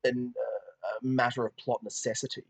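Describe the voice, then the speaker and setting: Male podcast co-host, loose rambling film chat, average-pitched voice. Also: level tone, moderate pace, gravelly, low-quality recording. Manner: rambling, many restarts and "you know". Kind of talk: casual film review chat.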